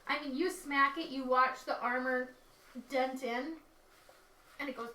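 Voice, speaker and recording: A high-pitched woman with a bright voice runs a tabletop game at the table, chatty and quick to laugh. She is heard from a distance in an echoey room, with faint noise underneath. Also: fairly even intonation. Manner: chatty, laughs often, self-correcting. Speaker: dungeon master. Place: dining room table with players.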